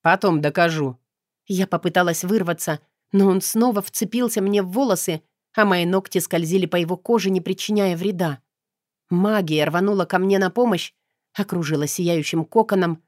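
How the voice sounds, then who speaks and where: Female audiobook narrator, fairly low voice, expressive, dry studio sound. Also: normal speed, no room sound. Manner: steady expressive storytelling. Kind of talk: first-person fantasy audiobook narration.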